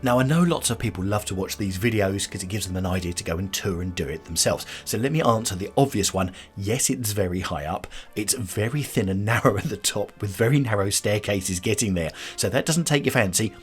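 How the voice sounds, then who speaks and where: A man's voice: lowish voice, lively intonation, fairly quick, few pauses, faint music behind. A man narrating a travel vlog as a tour guide, chatty and speaking directly to the viewer. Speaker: tour guide and video host.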